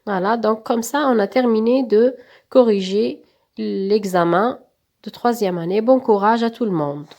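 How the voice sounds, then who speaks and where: A woman's voice: on the high side, darkish tone. Woman teacher spelling out syllables. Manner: slow, spelling out syllables and letters; switches into fast Arabic asides. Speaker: primary school teacher. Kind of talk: correcting a primary school exam.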